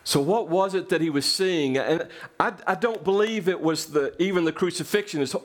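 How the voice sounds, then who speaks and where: A man's voice: fairly high pitch, normal speed. A man preaching a sermon as pastor, earnest and repetitive, building phrases one on another.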